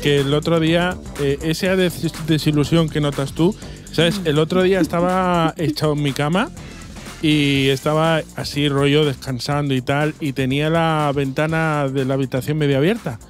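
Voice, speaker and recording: A man from with a fairly high voice tells rambling comic stories to a live studio audience, often laughing at his own jokes. Faint music plays under his voice. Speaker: comedy show co-host.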